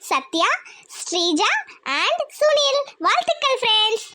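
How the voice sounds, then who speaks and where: High, bright woman hosting a cartoon channel. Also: sing-song, slow pace. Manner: friendly, direct to viewers. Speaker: channel host. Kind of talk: cheerful scripted intro.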